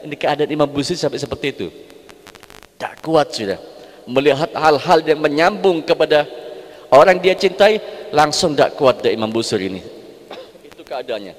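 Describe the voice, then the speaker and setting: A man's voice: a little high, lively intonation, normal speed, pauses often. A man preaching a sermon that explains devotional poetry, repeating phrases for emphasis and breaking into chanted Arabic verses. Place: large mosque hall. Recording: echoing mosque hall.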